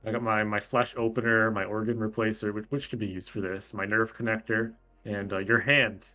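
Halting man role-playing a game doctor. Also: lowish voice, flat delivery, pushed and bright, faint music behind. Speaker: player acting as a clone-making doctor. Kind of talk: improvised game role-play.

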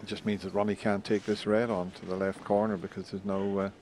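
A man giving hushed, measured snooker commentary in a low-key manner. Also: flat delivery. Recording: crowd and hall noise behind voice. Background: snooker arena crowd ambience.

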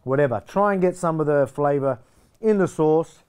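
A man's voice: on the high side, moderate pace, a little mellow, smooth. An Australian man in his thirties hosting a casual cooking segment in a studio, blunt and swearing freely. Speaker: cooking show host. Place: studio set with shelves of collectibles.

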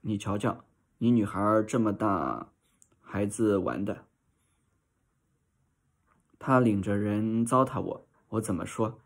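A man's voice: lowish voice, slow pace, long pauses. A man voicing a harsh, angry mother of a maid in a storybook reading, berating in a hot-tempered way.

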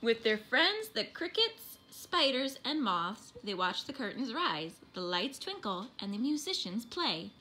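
A woman reading a children's picture book aloud in an expressive, animated way. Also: fairly high pitch, unhurried, hardly any pauses, a little hiss or hum. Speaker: storybook reader.

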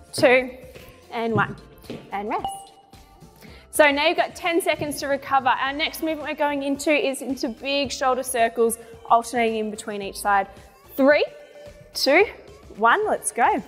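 A woman's voice: sits high, a bit bright. A young woman working as a fitness instructor, giving encouraging cues and counts for a guided home workout. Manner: encouraging, cueing movements while demonstrating them. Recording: long reverberant room, music behind. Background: music.

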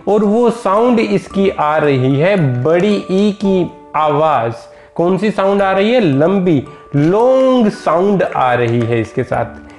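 A man's voice: sits high, darkish tone, echoey room. An Indian man teaching children English vowel sounds, patiently repeating words and asking simple questions.

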